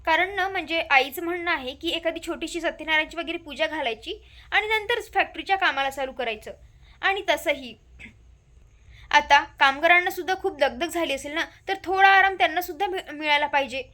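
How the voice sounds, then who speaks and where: A woman's voice: extremely high pitch, brisk, bright, forceful tone. A woman voicing a young husband in a retold story, talking in a coaxing, pleading way. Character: young man, husband with a plan.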